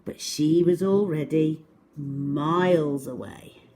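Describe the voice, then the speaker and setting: A woman with a deep, warm voice reads a picture book to young children as a storyteller. She uses dramatic pauses and emphasis, speaking straight to her listeners.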